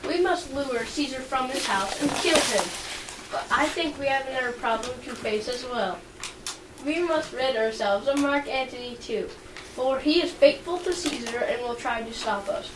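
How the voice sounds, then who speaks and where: A woman's voice: sits high, moderate pace, close to an everyday voice. A woman playing a scheming conspirator in noisy echo. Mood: grave. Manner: urging, persuasive. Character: scheming Roman conspirator, male, persuasive. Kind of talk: amateur stage acting. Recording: echoey room, distant mic, loud noise.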